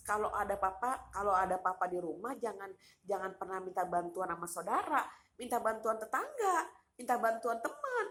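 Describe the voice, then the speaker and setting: A woman speaks straight to her viewers in a long, aggrieved vent. She circles back over the same complaints and throws out one rhetorical question after another in loose, slangy everyday speech. Her voice sits at an ordinary middle pitch. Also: a bit bright. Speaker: vlogger. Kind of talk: eating vlog with a personal rant.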